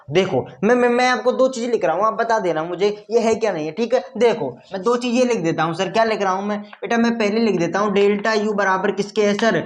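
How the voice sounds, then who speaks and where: A male teacher running an online lesson. He drills each point again and again. He plays the students' replies himself in a call-and-response style. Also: high voice. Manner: answers for his students himself; calls listeners "beta".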